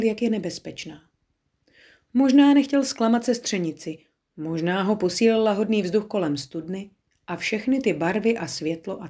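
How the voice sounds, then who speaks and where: A woman narrating a children's story as an audiobook, in a calm, measured storytelling manner. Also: on the low side, breathy edge.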